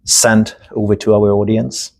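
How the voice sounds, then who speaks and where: A man, hosting a casual interview in a friendly, halting way. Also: on the low side, level tone, vocal fry, a little mellow. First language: Czech. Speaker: podcast host.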